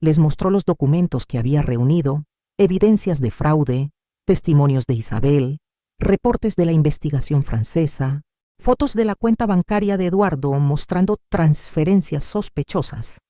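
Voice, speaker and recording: An older woman tells a dramatic story in the first person, expressive and full of feeling. Her pitch swings widely, and her tone is mellow and warm. The recording is dry and close, with no room sound. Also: moderate pace, dry recording. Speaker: narrator.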